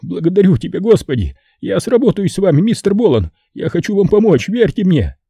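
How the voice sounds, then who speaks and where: A cowering male bar owner babbles and begs in a voice pushed high and thin, put on by a male narrator. The sound is husky and dark at its core, jumping wildly up and down as he grovels. It stays dry and close, like a storybook reading. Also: big pitch swings, brisk, no room sound, heavily acted. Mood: pleading. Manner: panicky, high-pitched, begging. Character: terrified pleading male pimp and bar owner.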